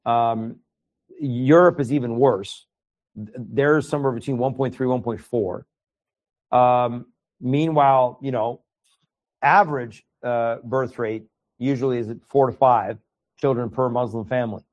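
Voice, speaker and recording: This is a man from Iran, a native Farsi speaker, talking as an interview guest at an ordinary mid-range pitch. He speaks earnestly and tends to stumble and repeat words at the start of phrases. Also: fairly even intonation, unhurried, darkish tone, highs cut off. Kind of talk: conversational interview.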